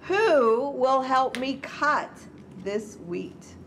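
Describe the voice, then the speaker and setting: The Little Red Hen, read by a woman, animated. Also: high voice, extremely slow, pitched above the performer's own voice, exaggerated voice. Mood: resolute, asking. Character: hardworking, self-reliant female little red hen. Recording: clear background noise.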